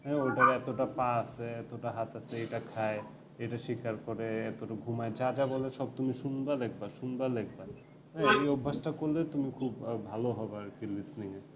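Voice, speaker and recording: A man's voice: medium pitch, a little fast, noisy background. A man giving a casual IELTS tutoring lecture, mixing English tips into loose, chatty explanations with many fillers.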